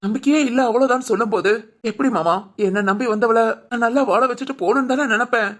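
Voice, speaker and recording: A performer voicing a gravely ill young man in an animated family drama, who speaks gently and with resignation. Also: mid-range voice, fast talker, natural voice. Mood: gentle.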